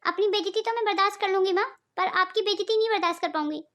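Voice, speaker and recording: A woman's voice: very high voice, very fast, fairly bright tone. A woman voicing a loyal young daughter-in-law in a cartoon family drama, speaking in a pleading, emotional way. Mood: upset pleading. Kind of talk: cartoon voice acting.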